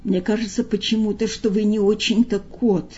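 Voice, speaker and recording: A woman reading aloud and voicing a weary, gentle man who talks softly and hesitantly. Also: sits high, little pitch movement, moderate pace, breathy edge, highs cut off. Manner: soft, subdued, murmuring.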